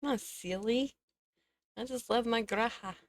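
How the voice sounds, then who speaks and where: A woman's voice: on the high side, unhurried. A woman streaming a game, sleepy and yawning as she chats casually with viewers, laughing often. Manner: relaxed, chatty, laughs often. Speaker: VTuber streamer.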